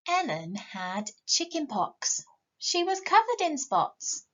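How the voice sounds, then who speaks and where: In a recording with the highs cut off, a British primary teacher in her thirties reads a storybook and talks to young children. She speaks slowly in a high-pitched voice, expressive throughout, and keeps asking them rhetorical questions.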